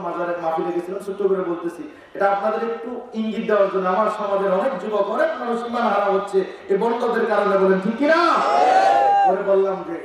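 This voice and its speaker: A man preaching a sermon with a Bangladeshi Bengali accent, chanting lines and rising into shouts. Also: sits high. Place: outdoor religious gathering. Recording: echoing loudspeaker sound from far off.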